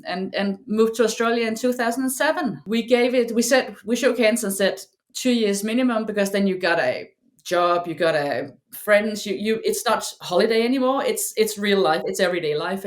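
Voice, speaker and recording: A middle-aged Danish woman with a Danish accent chats casually as a podcast guest. Her voice sits at a medium pitch, and her English comes out haltingly, full of restarts and repeated words.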